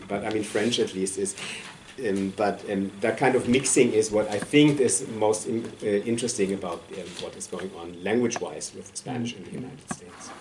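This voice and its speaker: A man's voice: on the low side, measured pace, a little mellow. Man, academic commentator, hesitant, lots of fillers, distant, roomy echo. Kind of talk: academic discussion. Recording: roomy distant sound with faint noise.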